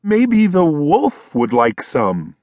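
A man's voice: fairly high pitch, wildly swooping pitch, slow pace, darkish tone, dry recording, pitched above the performer's own voice, exaggerated voice. A man voicing an eager little male pig brother in a children's storybook.

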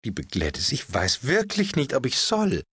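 A man's voice: mid-range voice, wildly swooping pitch, a little slow, a bit bright, husky, no echo, studio quality, voice pushed up, exaggerated voice. Man doing a prim, earnest duchess. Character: prim hesitant older duchess. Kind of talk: audiobook character voice.

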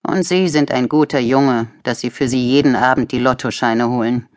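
A woman's voice: extremely low pitch, steady tone, moderate pace, a little mellow, no room sound, clean studio sound. A woman voicing a friendly, chatty female cashier over fifty in an audiobook thriller. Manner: chatty, familiar.

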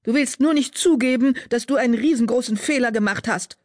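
A man voicing a proud, quick-tempered female cat leader who talks sharply and indignantly. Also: sits high, lively intonation, darkish tone, no room sound, studio quality, pitched above the performer's own voice. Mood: angry.

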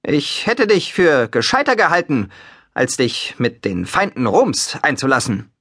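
A man's voice: medium pitch, huge pitch swings, measured pace, a bit bright, slightly rough, no echo, clean studio sound, full character voice. A man voicing a pompous, indignant male Roman god in statue form in an audiobook, scolding in haughty, clipped outbursts. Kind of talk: audiobook character voice.

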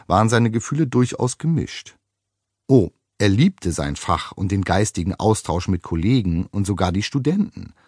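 A man reading an audiobook in a wry, expressive storytelling manner. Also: low voice, breathy edge, dry recording, studio quality. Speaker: audiobook narrator. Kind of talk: scripted narration.

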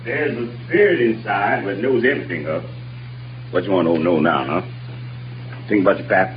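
Actor as Jim, low-voiced Southern fortune-teller, old radio. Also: male voice, moderate pace, slight background noise, lightly acted. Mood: mysterious, solemn. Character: superstitious enslaved fortune-telling man, slow and solemn. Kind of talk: 1940s radio acting. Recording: muffled 1940s radio recording, music behind.

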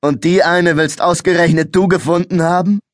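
A man's voice: high-pitched, fairly even intonation, normal speed, dry recording, clean studio sound, voice pushed up, lightly acted. A male narrator voicing a second policeman who mocks a boy with a grin. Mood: sneering. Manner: sneering, mocking. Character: mocking, grinning male police officer.

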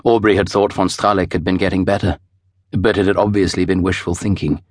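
Deep-voiced male audiobook narrator. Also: dry recording, clean studio sound. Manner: measured, expressive storytelling. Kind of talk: scripted narration.

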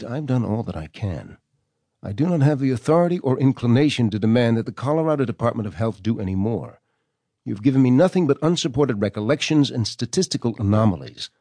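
A stern, formal government doctor is played by an actor reading out his correspondence for an audio drama, measured and condescending. The voice is lowish with a darkish tone, recorded dry in a clean studio.

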